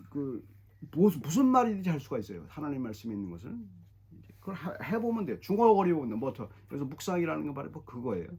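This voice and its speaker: Husky, lively Korean pastor preaching. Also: male voice, on the high side. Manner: animated, emphatic, repeats phrases. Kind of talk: expository sermon.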